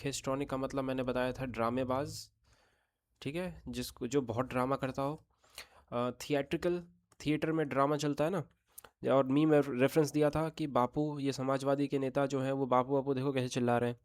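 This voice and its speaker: A man teaching exam vocabulary in a chatty online lesson, often checking in with his students. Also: mid-range voice. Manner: chatty teaching in Hindi mixed with English terms; checks in with rhetorical "theek hai?".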